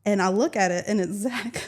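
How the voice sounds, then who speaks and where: A woman's voice: mid-range voice, normal speed. A young adult woman co-hosting a podcast in casual chat, telling stories with plenty of laughter and animation. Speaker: podcast co-host.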